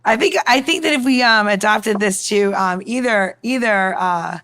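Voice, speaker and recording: Chatting and explaining as she goes, a woman mixologist leads a relaxed, cooking-style demonstration. She speaks at a moderate pace in a medium-pitched, slightly bright voice.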